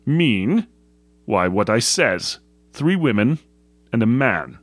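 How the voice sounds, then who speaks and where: Man acting old shepherd, rural English dialect, storybook, plain-spoken, gravely emphatic, lively intonation. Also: medium pitch, slow, dry recording, faint music behind. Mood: ominous. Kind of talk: storybook character voice.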